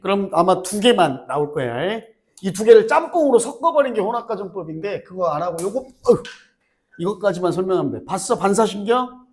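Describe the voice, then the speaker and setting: A middle-aged man teaching English grammar to a high school class, joking and teasing students by name as he lectures. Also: brisk. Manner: teasing, animated, banters with students.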